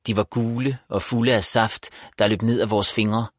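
A man narrating a children's story as an audiobook, in a calm, even storytelling manner. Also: fairly low pitch, dry recording. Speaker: audiobook reader. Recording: dry close voice.

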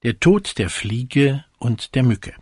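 A man's voice: mid-range voice, lively intonation, takes it slowly, a little mellow, breathy edge, no echo, clean studio sound. A man reciting fables and short poems in a declamatory, dramatic manner.

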